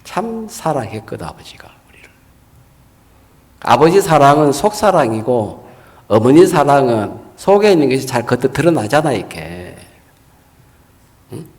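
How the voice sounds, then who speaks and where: Man, 60s, pastor; folksy, animated sermon delivery, higher voice, long hall reverb. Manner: folksy storytelling with rhetorical questions.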